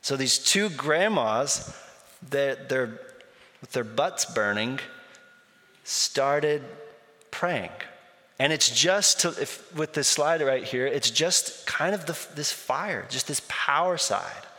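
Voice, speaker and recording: A man preaching to his congregation with a bright, forceful voice at a middle pitch. He talks through stories in a loose, conversational way, and the church hall gives his words a long echo. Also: expressive, slow. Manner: conversational preaching with storytelling asides. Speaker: pastor. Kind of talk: sermon.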